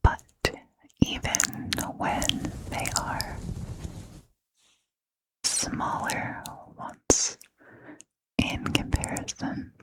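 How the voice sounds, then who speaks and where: A woman whispering softly and breathily into a close ear-to-ear microphone in a chatty ASMR style, in short, halting phrases. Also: poor audio. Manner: slow, halting, short phrases with long pauses. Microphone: close ear-to-ear stereo ASMR microphone.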